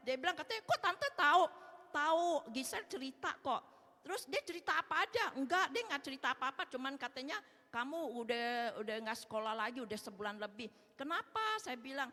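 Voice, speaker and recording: Woman, church testimony, high voice, long hall reverb. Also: pushed and bright. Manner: retells a talk, acting out both sides of the dialogue. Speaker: church member giving testimony. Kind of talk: personal testimony to a congregation.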